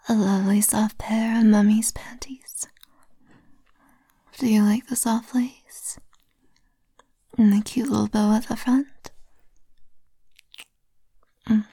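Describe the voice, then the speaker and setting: A woman speaking in a soft, breathy whisper close to the microphone, in a slow, intimate roleplay. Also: mid-range voice, level tone, dry recording.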